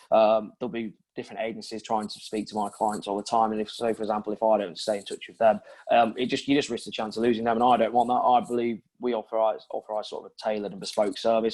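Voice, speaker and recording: Fast-talking young man, flat low voice. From Yorkshire, England. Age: 20s. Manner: chatty, many ums and fillers. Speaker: recruitment consultant, interviewee. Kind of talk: casual interview answers.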